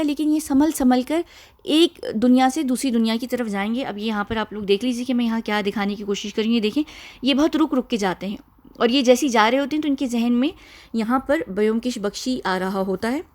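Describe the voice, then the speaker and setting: A woman explaining a music video scene by scene in a casual, halting way, often urging viewers to look closely. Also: on the high side, darkish tone. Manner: conversational with frequent fillers and restarts. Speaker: video commentator.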